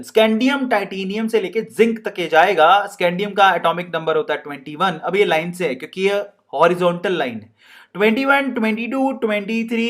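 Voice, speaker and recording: A man's voice: high-pitched, a bit bright. A man teaching chemistry in a playful lecture, chanting mnemonics and laughing often. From India.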